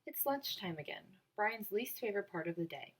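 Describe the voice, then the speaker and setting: A woman reading a children's picture book aloud in an expressive storytelling manner. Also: mid-range voice, fairly quick, noisy background. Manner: expressive storytelling with acted dialogue. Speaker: read-aloud volunteer reader.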